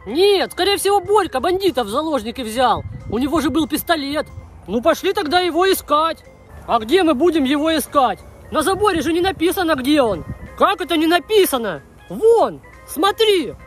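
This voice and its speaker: A man voicing a naive, dim young boy in a squabbling comedy sketch, with a pitched-up voice. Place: outdoors in overgrown waste ground.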